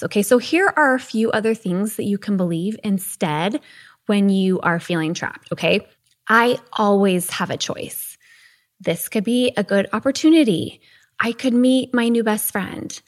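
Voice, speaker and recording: A woman hosting a teen coaching podcast, recording from under a blanket in an empty home office. She talks in a chatty way and keeps checking in with "okay?". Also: mid-range voice. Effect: recorded under a blanket, muffled. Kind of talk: casual solo podcast talk.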